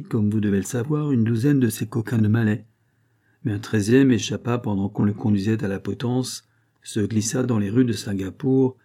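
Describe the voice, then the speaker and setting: A man's voice: mid-range voice, mellow, slightly rough, close to an everyday voice. A man reading the part of a haughty, suspicious male prince in an audiobook, speaking in a commanding manner.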